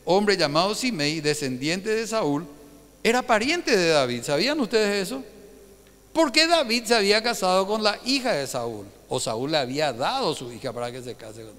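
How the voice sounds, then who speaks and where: A man preaching a Sunday sermon as pastor, animated and keeps putting rhetorical questions to his congregation. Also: sits high, in a large hall. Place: church hall.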